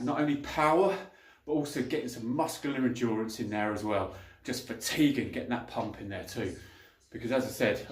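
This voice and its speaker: A man speaks in an echoey room in the casual, chatty way of a fitness vlogger. His voice sits at a medium pitch, and he talks between sets of lifting weights in loose, colloquial language. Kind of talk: casual training vlog talk between sets.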